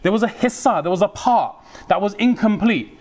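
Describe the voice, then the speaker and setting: A British man from the United Kingdom gives a religious talk as a preacher, in a lively, slangy way, acting out the voices he quotes. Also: high voice, normal speed. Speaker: Islamic preacher.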